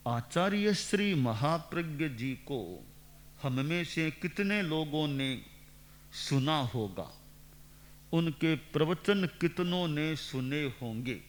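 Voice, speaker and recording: Man in his sixties, monk, unhurried sermon, raised pitch, repeats phrases. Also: lively intonation. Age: 60s. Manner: measured and didactic, repeats phrases for emphasis. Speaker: monk giving a discourse. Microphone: speaking into a microphone.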